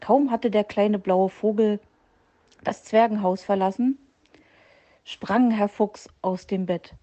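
A woman narrating a children's story in a lively, expressive scripted reading. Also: medium pitch, highs cut off.

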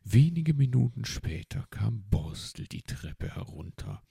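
Deep, gravelly audiobook narrator. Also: male voice, big pitch swings, a little slow, mellow, no echo, studio quality.

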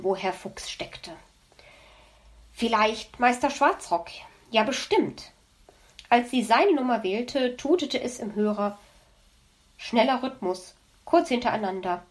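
Female storyteller, lively and expressive, children's audiobook, bright register. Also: fairly high pitch. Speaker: narrator.

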